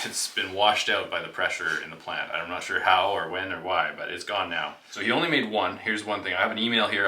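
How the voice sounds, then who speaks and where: A man's voice: deep voice, pushed and bright, reverberant. A man hosting a casual vlog, talking in loose, informal phrases that sometimes trail off. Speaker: vlog host. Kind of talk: casual outdoor vlog chat.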